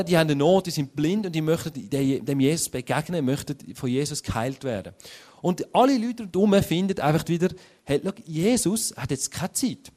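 A man's voice: a little high, a little mellow. A man preaching a sermon in a conversational way, often adding tag questions and acting out quoted speech.

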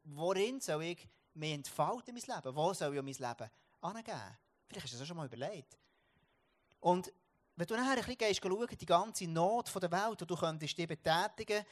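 A man with a Swiss German accent preaching a sermon, telling an everyday story and often restarting his words. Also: a little high.

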